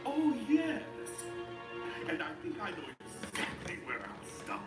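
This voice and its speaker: Cartoon pony tyrant, gloating, menacing, theatrical taunts, wildly swooping delivery, distant echoey sound. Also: male voice, extremely high pitch, wildly swooping pitch, exaggerated voice. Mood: taunting. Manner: taunting, theatrical, drawn-out threats. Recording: echoey playback from afar under loud music.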